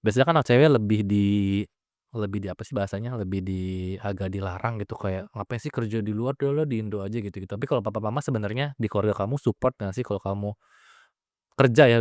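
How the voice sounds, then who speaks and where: A man's voice: lowish voice, fast, darkish tone, no room sound, clean studio sound. Playful young man hosting a podcast. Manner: playful, teasing questions mixing English phrases. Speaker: podcast host. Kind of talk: casual interview.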